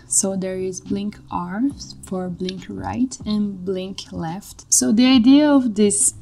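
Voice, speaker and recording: In an indoor room, a young Brazilian woman, a native Portuguese speaker with a Brazilian Portuguese accent, works as a coding tutor and walks through her code on a screen share. She's relaxed but halting, using many fillers, and her mid-range voice is gravelly.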